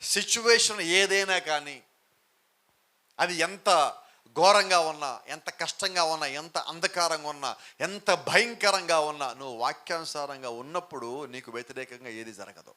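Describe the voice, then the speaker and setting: A man's voice: fairly high pitch, moderate pace, bright, forceful tone. A man preaching a sermon with emphatic rhetorical questions, now and then mixing in English phrases. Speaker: pastor.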